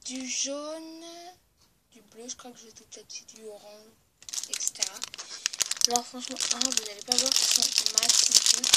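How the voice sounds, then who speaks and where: A woman with a slightly high voice talks through her recent purchases in a casual haul video, eager and chatty. She keeps correcting herself and apologizing as she goes. Loud crinkling of packaging and clicks sit close to the mic throughout. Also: very noisy. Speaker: vlogger showing her purchases.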